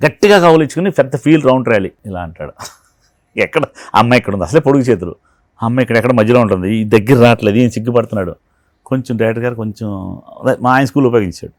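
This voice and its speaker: A man, a film art director, telling animated stories from a film shoot in an interview and acting out the dialogue. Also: mid-range voice, very fast, no echo, clean studio sound. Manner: animated storyteller who acts out quoted dialogue. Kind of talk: anecdotal interview storytelling.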